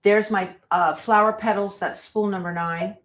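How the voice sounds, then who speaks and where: A woman's voice: medium pitch, steady tone, moderate pace. A woman teaching machine embroidery on a live stream, thinking aloud as she sets up her machine and chatting with viewers. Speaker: embroidery instructor. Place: sewing room.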